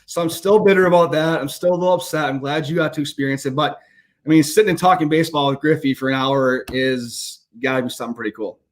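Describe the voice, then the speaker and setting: A man hosting a casual interview, a former ball player who tells stories in an animated, joking way. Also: on the high side. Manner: animated, quick storyteller, joking.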